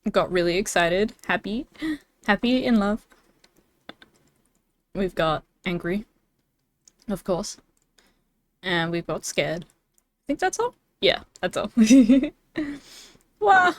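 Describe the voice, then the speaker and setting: A woman's voice: lowish voice, lively intonation, slow pace, pauses often, dry recording. A young woman streaming live, chatting casually and giggling often, with lots of fillers. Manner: bubbly and giggly, many fillers.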